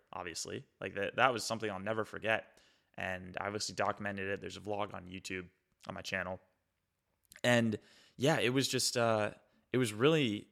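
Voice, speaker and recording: Young male host, gravelly and lowish, casual motivational talk full of fillers. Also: sharp tone. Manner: loose, reflective, many fillers and restarts. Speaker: podcast host.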